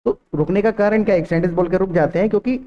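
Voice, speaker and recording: A man teaching a spoken English lesson. He explains in Hindi and says the English example sentences slowly, repeating each one. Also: high voice, dull audio.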